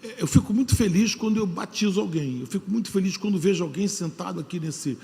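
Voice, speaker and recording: High-pitched Brazilian pastor preaching with gravelly voice. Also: male voice, fast. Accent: Brazilian Portuguese. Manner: repeats phrases for emphasis, swings between shouting and hushed. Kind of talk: sermon. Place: large church hall. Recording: long hall reverb.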